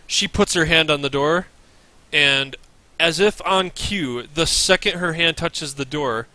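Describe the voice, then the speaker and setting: A man's voice: fairly high pitch, unhurried, bright, forceful tone, no room sound. A man narrating as dungeon master in an online tabletop game, hesitant and laughing often.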